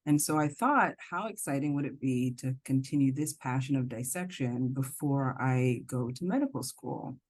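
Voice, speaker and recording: A middle-aged woman from the Bahamas, a professor speaking as a podcast guest in an earnest, measured way with frequent ums. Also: rumbling low, warm tone. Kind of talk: podcast interview.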